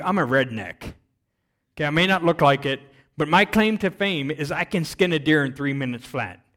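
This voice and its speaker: A man preaching a sermon on missions, telling stories with energy that swings between loud emphasis and quiet. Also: on the high side. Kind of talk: sermon with storytelling.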